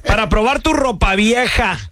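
Man, radio host, high voice, playful, teasing banter. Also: normal speed, a bit bright, a little hiss or hum. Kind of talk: lively radio show banter.

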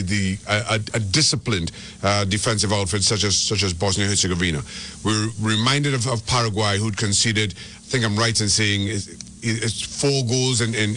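A man's voice: lowish voice, bright, forceful tone, slight background noise. A man from Trinidad and Tobago, giving soccer analysis as a radio guest and often restarting his words. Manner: repeats and restarts words when making a point. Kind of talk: radio sports talk.

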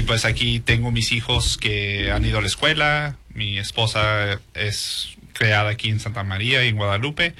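A man's voice: on the low side, bright, forceful tone. A man born in Mexico, a police sergeant answering interview questions in a hesitant way with many fillers.

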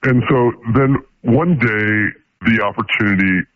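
A man's voice: fairly low pitch, takes it slowly. A middle-aged man calling in anonymously, his voice disguised by a voice changer. He breathes heavily and tells his story hesitantly. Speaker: anonymous caller confessing a secret. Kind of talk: casual storytelling. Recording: dry tinny phone line.

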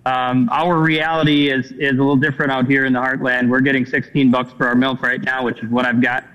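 A man's voice: medium pitch, little pitch movement, a little fast. A dairy farmer from Wisconsin, a man, talking folksy and plain in a remote news interview over a poor rural internet connection. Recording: dull lo-fi remote call audio.

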